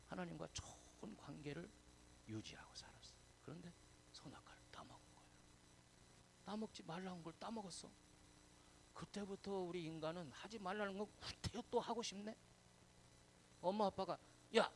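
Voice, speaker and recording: A man preaches in a loose, conversational way, teasing and quizzing the people in front of him. His gravelly voice swings widely in pitch, from hushed whispers to loud bursts. A faint hum of room noise sits under the sermon. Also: low-quality recording. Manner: chatty, teasing, quizzes the congregation; drops to whispers, swells loud for emphasis. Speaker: pastor.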